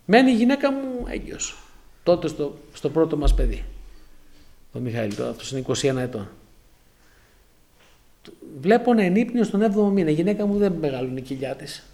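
A man in his forties from Crete, preaching a sermon as he tells a personal testimony, acting out dialogue with lively exclamations. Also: a little high, long pauses. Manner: animated storytelling with acted-out dialogue and exclamations.

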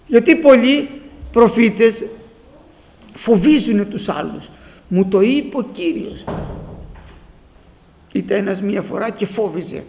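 A man preaching a sermon, telling stories with quoted exchanges and swinging from hushed asides to loud emphasis. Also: high-pitched, animated, vocal fry, pauses often.

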